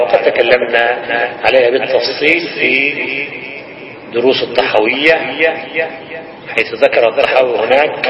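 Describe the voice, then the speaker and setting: A man delivers a religious lesson, explaining in a measured way and repeating key phrases for weight. The sound is roomy and a little dull, like a radio broadcast. A crowd murmurs in the background. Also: medium pitch. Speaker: Islamic scholar teaching a hadith lesson.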